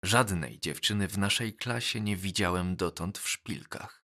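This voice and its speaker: A man reading a novel aloud as an audiobook, in measured, deliberate first-person narration. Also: sits low, pushed and bright.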